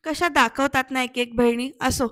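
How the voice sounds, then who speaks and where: A woman's voice: high-pitched, steady tone, moderate pace, a bit bright, no echo. A woman narrating a casual voice-over recap of a TV serial, talking straight to her viewers in a chatty way. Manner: addresses viewers directly, chatty. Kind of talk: casual voice-over episode retelling.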